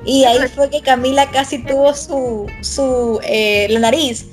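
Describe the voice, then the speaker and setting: A young woman with a high voice speaks slowly, chiming in on a group story. Faint music plays behind. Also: fairly even intonation. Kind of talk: casual chat.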